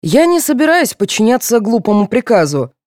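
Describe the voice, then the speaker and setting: A haughty mother, put on by a woman reader, full of shrill outrage and raised, lively pitch. The recording is dry and close. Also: brisk, dry recording. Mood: indignant. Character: indignant middle-aged mother, haughty and quarrelsome. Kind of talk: audiobook character voice.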